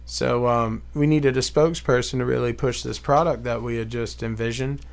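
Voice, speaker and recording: A man's voice: mid-range voice, creaky. A young man co-hosting a podcast in casual chat, laughing easily and explaining things. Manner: slow, relaxed, with frequent laughter. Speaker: podcast co-host.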